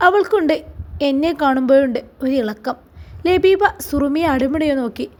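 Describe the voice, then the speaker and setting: A woman narrating a scripted story in an expressive, dramatic reading style. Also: sits high, normal speed.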